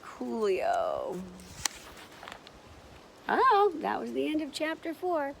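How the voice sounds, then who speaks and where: A woman reading a children's chapter book aloud, with lively, encouraging asides to young listeners. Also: high-pitched, normal speed, gravelly, slight background noise. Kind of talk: children's storybook read-aloud.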